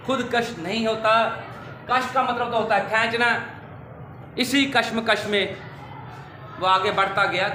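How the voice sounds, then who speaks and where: A high-voiced man teaches pronunciation to children, going slowly and repeating each wrong form and then the correct one. His tone is bright and forceful. The room is echoey, with a faint hum of ambience behind him. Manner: slow, drills correct and wrong forms, addresses dear children. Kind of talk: classroom pronunciation lesson.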